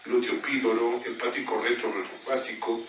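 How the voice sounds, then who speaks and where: A man working as a biomagnetism therapist, reciting pairs of body points in a quick, steady murmur during a live scan. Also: medium pitch. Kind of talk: rapid-fire live scanning recitation. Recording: echoey room, distant mic, background noise.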